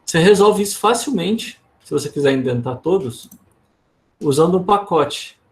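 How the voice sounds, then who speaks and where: A man's voice: fairly high pitch, expressive, normal speed. A man giving an online workshop lesson in Brazilian Portuguese, explaining casually and often checking in with tag questions. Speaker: instructor.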